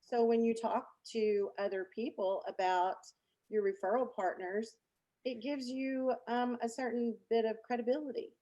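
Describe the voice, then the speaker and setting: A woman's voice: a little high, fairly even intonation, moderate pace, warm tone, lo-fi sound. An American woman guest talking casually about her business, chatty and self-deprecating, with many fillers and restarts. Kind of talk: casual interview chat.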